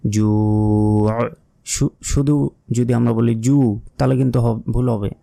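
A man with a Bangladeshi Bengali accent teaching Quran pronunciation, explaining each sound step by step and reciting the words in slow, drawn-out chant. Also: mid-range voice, level tone, creaky, warm tone.

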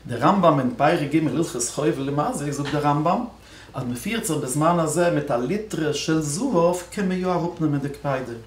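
A man, a rabbi, telling a religious story in a speech at a celebration, moving between loud stressed words and hushed low passages. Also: lively intonation, normal speed, echoey room, a little hiss or hum.

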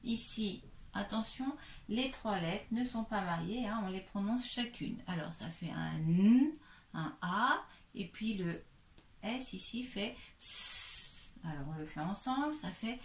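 A woman teacher speaks at an unhurried, deliberate pace, sounding out letters and syllables one by one for a small child. Her voice sits at an ordinary middle pitch. The sound carries the echo of a bare room at home. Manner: patient, sounds out syllables slowly and clearly. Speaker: kindergarten teacher. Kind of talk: slow, careful reading lesson for a young child. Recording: echoey room.

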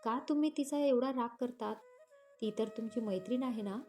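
A woman's voice: on the high side, moderate pace, warm tone, faint music behind, close to an everyday voice. Woman reading a stern young male boss. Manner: stern, commanding.

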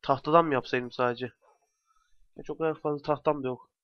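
A young man provides casual let's play commentary, talking to himself and erupting now and then in exasperation. His mid-range voice is steady and fairly quick, captured dry on a dull, lo-fi home mic.

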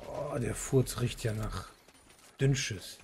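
A man's voice: medium pitch, takes it slowly, vocal fry, noisy background. Teasing male streamer in voice chat. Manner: teasing, crude jokes. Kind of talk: casual gaming voice chat.

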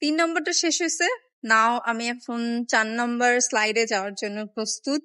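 A woman's voice: a little high, expressive, brisk, pushed and bright. A young woman, chatting casually and wryly as she films a travel vlog on a phone held at arm's length in a glass skywalk. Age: young adult. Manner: chatty, wry, self-mocking about being lazy. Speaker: travel vlogger. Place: indoor glass skywalk with moving walkways.

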